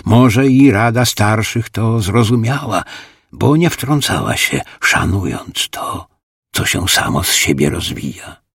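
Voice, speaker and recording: A man reading an audiobook as narrator, in a slow, measured, grave manner on a close studio mic. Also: lowish voice, very animated, vocal fry, fairly bright tone, slightly rough, no room sound. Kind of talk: scripted narration.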